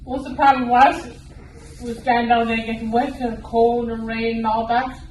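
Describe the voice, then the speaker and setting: A woman's voice: on the high side, flat delivery, moderate pace, darkish tone. A woman with a west of Ireland accent answering informally in an interview, often repeating herself. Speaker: campaign interviewee. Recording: echoey room, distant mic, faint noise.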